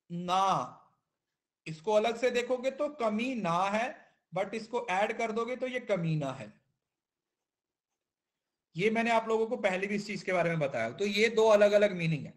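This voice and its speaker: Male teacher, high voice, repetitive, keeps checking in with students. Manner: mixes in English terms. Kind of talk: classroom lecture.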